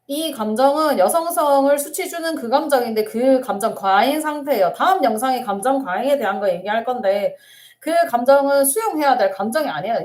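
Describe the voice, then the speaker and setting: A woman's voice: high-pitched, a little mellow. A middle-aged woman counselor answering viewer questions in an earnest, emphatic live-stream talk. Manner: earnest, emphatic, laughs and tears up while sharing.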